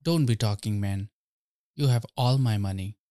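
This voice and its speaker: A man's voice: fairly low pitch, normal speed, dark tone, no room sound, studio quality, close to an everyday voice. A man voicing a proud, anxious court storyteller who gets exasperated as he loses. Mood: indignant. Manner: indignant, exasperated. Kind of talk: storybook reading.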